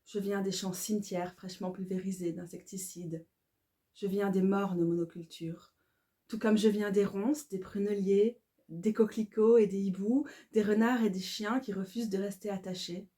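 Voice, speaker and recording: A woman, calmly reading her own devotional poetry aloud in a measured, incantatory way. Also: mid-range voice. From Belgium. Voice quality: calm, measured, incantatory delivery.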